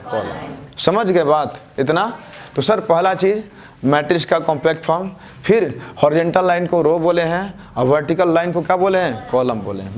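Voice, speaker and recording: A man teaching a math class, who keeps asking questions and answering them himself, his answers dropping low and soft. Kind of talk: classroom lecture with call-and-response questions.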